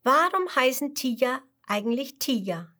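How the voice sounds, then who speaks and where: A woman voicing a curious, excited little tiger cub with high, eager, drawn-out exclamations. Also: exaggerated voice.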